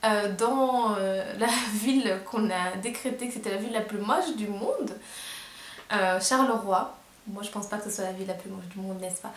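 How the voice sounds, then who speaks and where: A Belgian French-accented vlogger in her twenties chats to camera at a moderate pace in a mid-range voice. She is hesitant and chatty, full of fillers and self-deprecating laughs, in a roomy recording with a little hiss or hum.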